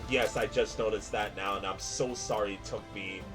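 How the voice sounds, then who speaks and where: A man's voice: on the low side, fairly even intonation, normal speed. A man streaming a video game, giving casual live commentary to his chat. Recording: loud game music behind voice. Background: video game music.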